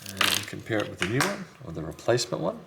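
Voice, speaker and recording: A man with a fairly low, wildly swooping voice talks fast and creaky while presenting a hands-on repair tutorial at an indoor workbench. He's a repair technician and video host, speaking casually, unscripted, thinking aloud as he works, with background noise audible.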